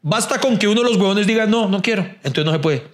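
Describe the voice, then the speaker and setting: Animated Colombian man telling stories. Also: sits high, fast talker. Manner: animated, jokey, swears freely, acts out dialogue. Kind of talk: casual storytelling chat.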